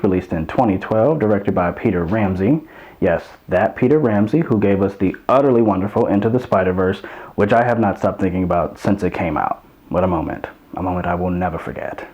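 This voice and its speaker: A man's voice: on the low side, muffled recording. A man hosting a casual movie commentary show, chatty and playful, with casual swearing. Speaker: host.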